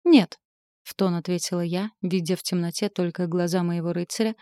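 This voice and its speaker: Woman, audiobook narrator, wry lively storytelling, mellow voice, dry close sound. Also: on the low side, brisk, clean tone, no echo.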